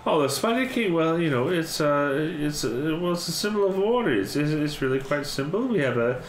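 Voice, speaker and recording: A man's voice: fairly high pitch, sing-song, moderate pace, voice pushed up. A man voicing a polite, chatty mouse matron in a tabletop game, rambling hesitantly and matter-of-fact about grim things. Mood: chatty, explaining. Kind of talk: tabletop role-play. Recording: roomy echo with background noise.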